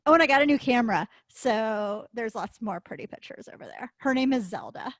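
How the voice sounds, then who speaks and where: High, dry-sounding woman podcast co-host. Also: lively intonation, brisk, fairly bright tone, dry recording. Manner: informal, chatty. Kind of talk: casual podcast chat.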